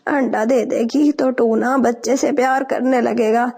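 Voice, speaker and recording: A woman's voice: fairly high pitch, steady tone, creaky, a little mellow, slightly rough. Woman doing a spiteful old sparrow mother-in-law. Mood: grumbling. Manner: scolding, bossy.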